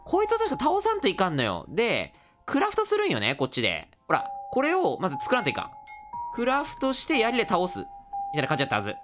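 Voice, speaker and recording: A man with a hosting a solo let's-play, excitable and reacting loudly to the game. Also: sits high, fast, over music. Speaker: gaming video host.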